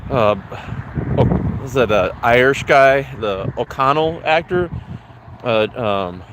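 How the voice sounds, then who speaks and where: An American man giving a casual, off-the-cuff film review outdoors, halting often as he searches for words. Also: mid-range voice, animated. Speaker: vlogger reviewing films. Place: outdoors in the cold countryside. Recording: windy outdoor microphone, loud wind noise. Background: strong wind.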